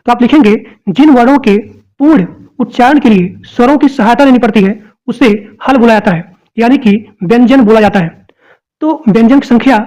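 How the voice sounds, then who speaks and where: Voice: medium pitch, a little mellow, poor audio. Teacher explaining grammar step by step. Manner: explanatory, repeats points, addresses students directly. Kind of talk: exam-prep lecture.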